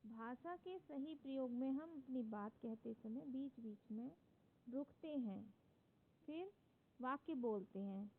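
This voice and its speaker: Indian woman teacher, slightly high voice, slow and patient grammar lesson, phone-quality audio with faint hiss. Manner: patient, explains step by step with frequent "है ना?" checks.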